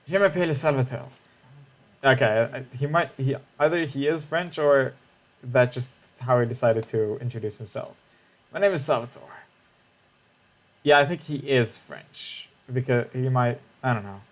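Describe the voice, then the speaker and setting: Man, game livestreamer, casual chat, reacting to chat, frequent restarts, mid pitch. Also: moderate pace. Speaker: streamer.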